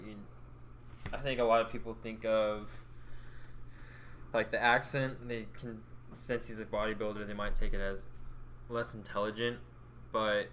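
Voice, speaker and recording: A man's voice: on the low side, fairly bright tone, slight background noise. A young man as a podcast guest, easygoing and agreeable, often restarting his sentences as he thinks aloud. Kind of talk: casual chat.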